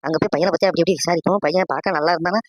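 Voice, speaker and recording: A performer voicing a bossy, sharp-eared old village matriarch in a cartoon, with a scolding manner. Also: medium pitch, fairly even intonation, racing, no room sound, dull audio, close to an everyday voice. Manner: scolding, commanding. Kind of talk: animated cartoon dialogue.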